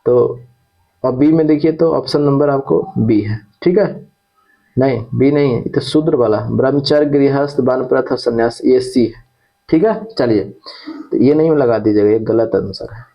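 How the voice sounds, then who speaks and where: A man's voice: mid-range voice, normal speed, muffled recording. A man teaching an exam-prep lesson who repeats key terms and checks in with his students after each point.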